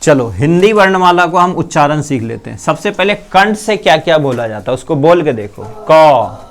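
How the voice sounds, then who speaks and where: A man's voice: on the high side, expressive. A male teacher with a Bihari accent giving a classroom lesson, sounding out letters and quizzing his students. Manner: drills sounds slowly, quizzes students often. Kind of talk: classroom Hindi pronunciation lesson.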